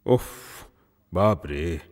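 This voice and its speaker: A man's voice: deep voice, animated, extremely slow, darkish tone, exaggerated voice. An actor dubbing an earnest middle-aged village father who chides his daughter. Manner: earnest, chiding. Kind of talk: Hindi film dub.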